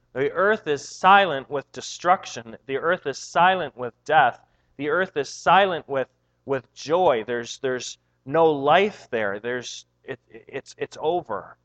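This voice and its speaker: A man's voice: fairly high pitch, a bit bright, dull audio. A man preaching a sermon, reading scripture aloud and explaining it with repetition and rising emphasis. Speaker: pastor.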